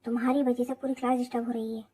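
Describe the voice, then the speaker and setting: Stern female teacher, voiced by a woman, fast scolding delivery, mellow husky tone. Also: fairly high pitch, level tone.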